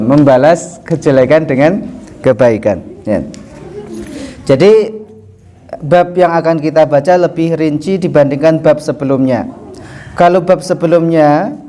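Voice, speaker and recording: Guy giving a chatty sermon, mellow voice a bit high, laughs a lot, asks the crowd stuff. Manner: conversational, asks rhetorical questions, chuckles often; recites Arabic slowly, then explains. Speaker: Islamic teacher.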